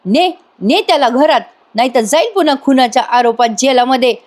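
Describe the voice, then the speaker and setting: A woman's voice: high-pitched, lively intonation, brisk, a little mellow, voice pushed up. Brief: a woman doing a scheming, spiteful aunt from a TV serial, taunting in a slightly raised voice. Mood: shouting. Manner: taunting, scolding in village Marathi.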